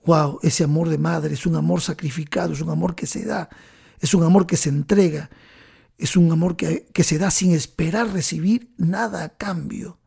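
Male preacher, sermon, husky, gravelly, dark tone, storytelling. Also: fairly high pitch, fairly even intonation. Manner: emotional storytelling, slows for emphasis.

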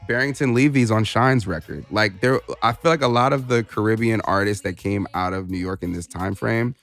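A man's voice: lowish voice, a little fast, fairly bright tone. A man co-hosting a casual chat about hip-hop records, thinking aloud with many ums and restarts. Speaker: podcast co-host.

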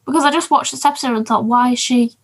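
A woman's voice: sits high, steady tone, fast talker, breathy edge. A woman co-hosting a podcast, chatting enthusiastically about TV shows with lots of fillers. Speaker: podcast co-host. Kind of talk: casual chat about TV shows.

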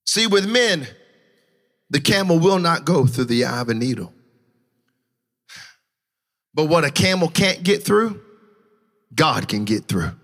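A man preaching a sermon in a church, passionately shouting in a sing-song preaching cadence. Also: on the high side, sing-song, unhurried, pauses often, big-room sound. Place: church sanctuary.

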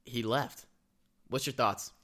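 A man's voice: medium pitch, steady tone, takes it slowly, a bit bright. A young man co-hosting a podcast, chatting casually and joking in slang. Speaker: podcast co-host. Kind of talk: casual chat.

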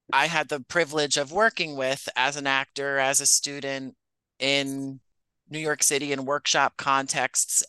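In a dry, poor-quality recording, a man with a smooth, sharp-toned mid-range voice appears as an interview guest. A podcast writer-producer and actor, he explains his work articulately and conversationally, with a self-deprecating streak.

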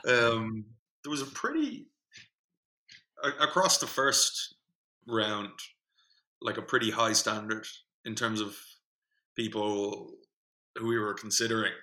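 A young man telling a story in a casual podcast chat, rambling and animated, with many fillers and restarts. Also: on the low side, slow pace, long pauses, rough recording. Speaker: podcast co-host, singing group organiser.

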